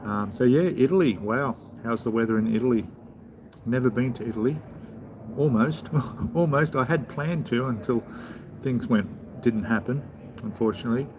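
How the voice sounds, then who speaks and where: A man on a casual live stream, chatting to his viewers in a rambling, relaxed way from a hotel lobby bar. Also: mid-range voice, moderate pace. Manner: relaxed, rambling, chats with viewers while eating. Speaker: travel vlogger. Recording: steady background noise of a hotel lobby.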